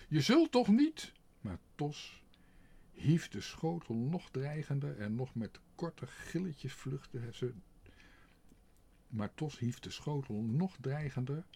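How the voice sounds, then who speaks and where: A man narrating a children's storybook aloud in an expressive, unhurried way. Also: medium pitch, creaky, husky. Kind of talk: storybook reading.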